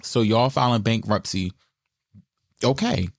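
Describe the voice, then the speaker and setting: A man with a low, gravelly voice talks bluntly and with heat on a casual podcast. The sound is dry and close, with no room around it. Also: measured pace, no echo. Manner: blunt, opinionated, animated ranting. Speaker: podcast co-host. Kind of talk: casual reality-TV gossip chat.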